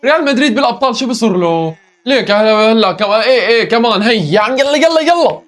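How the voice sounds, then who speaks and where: A hoarse young man with a Levantine Arabic accent, hosting a live football match reaction and exclaiming at every chance. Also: extremely high pitch, lively intonation, very fast, a bit bright. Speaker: football reaction video host.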